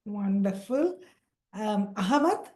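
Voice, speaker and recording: A woman leads an online leadership workshop on a video call, her mid-range voice expressive, warm, and unhurried. In a friendly way she opens the session and goes through the participants' names one by one.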